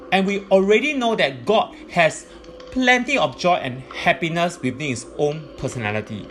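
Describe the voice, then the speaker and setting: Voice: medium pitch, a bit bright, a little hiss or hum. A presenter giving explanatory religious teaching in a methodical, point-by-point way.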